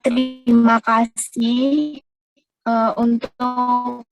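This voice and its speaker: A woman's voice: a little high, level tone, very slow, creaky, music in the background. A woman presenting in an online meeting, her voice breaking up over a bad internet connection, hesitant with fillers. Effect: broken-up, choppy internet call audio. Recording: distant, choppy video call audio.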